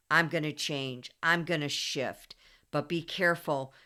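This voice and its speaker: A woman's voice: low voice, fairly bright tone, smooth. A woman astrologer giving an emphatic, preachy reading, often repeating herself for stress.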